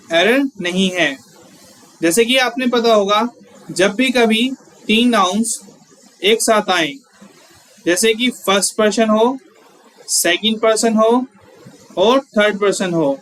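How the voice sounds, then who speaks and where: A man's voice: sits high, a bit bright, rough recording. A man teaching an exam-prep grammar lesson, explaining step by step, asking viewers questions and reading example sentences word by word.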